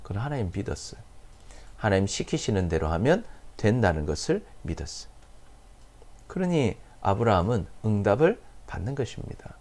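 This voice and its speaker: A man's voice: fairly low pitch, sing-song, moderate pace, darkish tone. A male pastor delivering a sermon, posing rhetorical questions and answering them himself, with repeated blessings.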